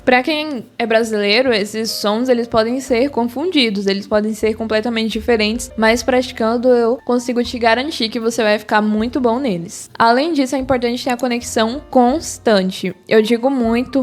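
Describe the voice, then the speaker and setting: Brazilian woman, native Portuguese, English teacher; chatty, direct, slightly high voice. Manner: chatty and direct, addressing viewers, modeling English phrases. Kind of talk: online English pronunciation lesson.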